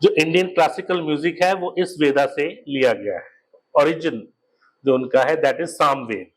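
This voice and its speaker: A man's voice: a little high, rough recording. A male teacher lecturing a class, switching between Hindi and English and spelling out key words for his students to write down. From India. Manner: mixes Hindi and English, slows right down to dictate and spell out words. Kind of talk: classroom lecture, dictating notes.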